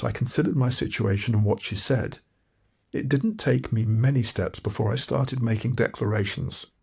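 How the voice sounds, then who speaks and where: A man narrates his own story as an audiobook. His voice is husky and mid-pitched, and his delivery is earnest and reflective. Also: darkish tone. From Malawi. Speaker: author and narrator.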